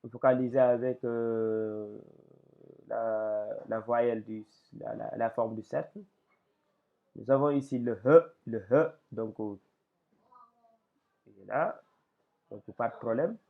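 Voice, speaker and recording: A man teaching Arabic letters in a lesson, speaking slowly and hesitantly with many fillers and a gravelly voice. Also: medium pitch, fairly even intonation. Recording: tinny lo-fi phone-like audio.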